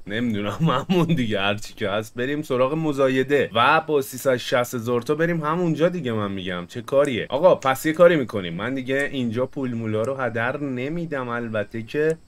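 A man hosting a gaming channel, giving casual let's-play commentary in a chatty, joking way as he plays. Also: medium pitch. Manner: chatty, jokey, talks to himself and viewers while playing.

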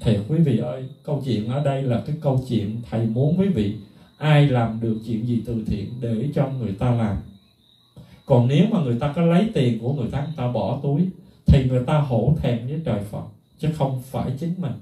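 A middle-aged man, a music teacher, talking casually to viewers in an animated, emphatic way. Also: medium pitch, fairly quick, distant mic. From Vietnam. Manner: animated, emphatic, mimics others in a raised voice. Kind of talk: casual spoken talk to viewers. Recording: echoey room, voice from off the mic.

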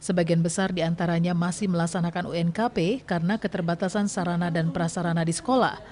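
Brisk low-voiced woman reading news. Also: slight background noise. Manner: brisk, even newsreader delivery. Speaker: news narrator. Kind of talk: scripted news voice-over.

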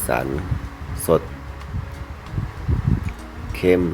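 A man presenting items for sale in a video, speaking politely in short, halting phrases over music. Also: low-quality recording. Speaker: fish seller presenting betta fish for sale. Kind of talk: unhurried sales video narration. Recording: music playing behind the voice.

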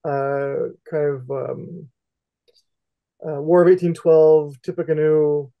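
A man's voice: fairly high pitch, steady tone, takes it slowly, smooth. A middle-aged man from Indiana co-hosting a podcast, asking questions in a rambling, hesitant way with many fillers, over a headset on a video call. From West Central Indiana. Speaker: podcast co-host. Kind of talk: casual interview. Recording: dull lo-fi call audio.

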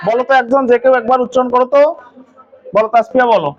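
A man teaching an English pronunciation lesson to a class, quizzing students with quick questions. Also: very high-pitched, fairly even intonation, dull audio, background noise.

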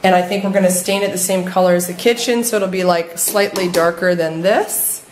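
Speaking fairly quickly in a low, steady voice over slight background noise, a woman in her thirties walks viewers through her home with an open patio in a warm setting. She films on a handheld phone, often at arm's length, and keeps her chatty, upbeat commentary full of fillers like "like" and "you know."

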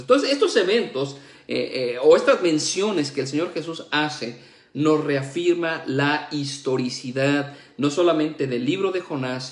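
A man teaching a Bible study, checking in with his listeners with frequent tags and rising emphasis. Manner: frequent "¿verdad?" and "¿ok?" tags, lively pitch. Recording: echoey room.

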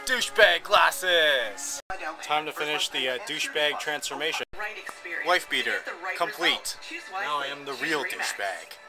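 Over background music, a young adult man speaks at a moderate pace in a fairly high voice. Holding the camera out at arm's length, this house-painting vlogger chats loosely and cracks jokes while wandering a yard and wooden deck.

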